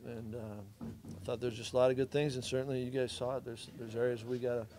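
A man's voice: mid-range voice, flat delivery, quick pace, warm tone, slight background noise. A middle-aged man, a head football coach, giving plainspoken, understated answers at a postgame press conference.

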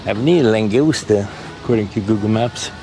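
A man in his forties talks casually to viewers as a travel vlogger, walking outdoors through sunny island streets with a handheld camera. He repeats himself and tosses out relaxed asides. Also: on the low side, a little fast, vocal fry, music in the background. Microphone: action camera held at arm's length while walking. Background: street and vehicle noise.

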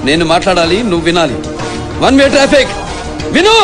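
A cocky man hero who lays down the law. His voice sits very high and loud. Film music runs under him. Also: sing-song, fairly quick. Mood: defiant. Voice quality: loud, punchy. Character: defiant, arrogant man hero, bossy. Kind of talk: film dialogue.

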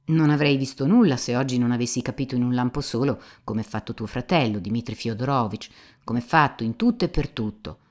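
A woman's voice: rumbling low, brisk, hardly any pauses. A woman voicing a cynical, gossipy young male seminarian who mocks and insinuates, in an audiobook reading. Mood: lecturing. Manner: mocking, insinuating, talkative.

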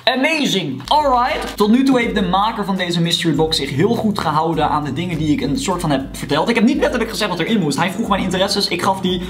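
A YouTuber unboxing a mystery box, animated and exclaiming loudly, with English words thrown in. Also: mid-range voice, quick pace, few pauses. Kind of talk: excited unboxing vlog. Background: background music.

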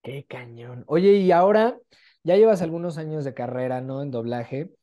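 The interviewer, a man in his twenties with a Mexican accent, is indoors in a small home room on a video call through wired earphones, chatting casually and encouragingly. His voice is fairly high, warm, and expressive at a normal speed, and the recording's highs are cut off.

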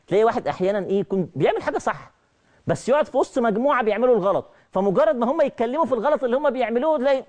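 A high-voiced, middle-aged man with an Egyptian Arabic accent lectures on religion for a TV broadcast. He stays animated and repeats his key phrases.

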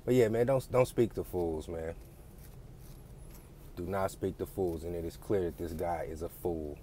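Deep-voiced guy ranting to his viewers, blunt and cussing, lecturing, light background hum. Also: normal speed, mellow. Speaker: vlogger. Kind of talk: casual ranting monologue.

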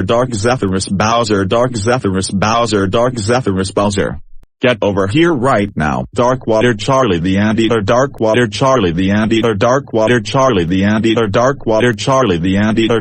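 A man voices a stern cartoon grown-up who monotonously repeats names and orders the kids over. The voice is on the low side and sounds flat. The sound is dry. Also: no room sound, natural voice.

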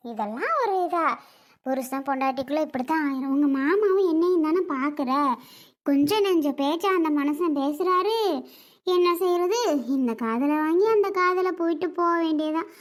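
Woman playing a soothing old grandmother. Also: high-pitched. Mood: dismissive. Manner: slow, soft, coaxing talk. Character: older mother-in-law and grandmother, soothing, advising. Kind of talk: family skit acting.

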